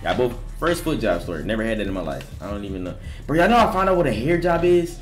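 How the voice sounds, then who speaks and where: A man's voice: medium pitch, sing-song, quick pace, faint music behind. A young man chatting casually on a livestream in a crude, jokey, slangy frat-bro manner, emphatic and repeating himself. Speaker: streamer reacting to viewer confessions.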